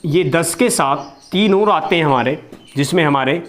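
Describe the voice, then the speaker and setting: A young man teaching a grammar lesson, speaking slowly and repeating each sound for his pupils to copy. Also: on the high side, a bit bright. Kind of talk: online Hindi grammar lesson.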